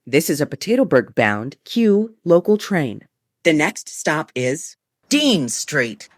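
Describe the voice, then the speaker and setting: Short set phrases come in a measured, formulaic delivery from an automated train announcer, a woman whose voice is fairly low. Her pitch is lively, and the dry sound carries little room echo.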